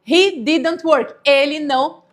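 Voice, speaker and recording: High-voiced woman teaching English. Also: slow pace. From Brazil. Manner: patient, checks in often with the audience. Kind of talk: live online lesson.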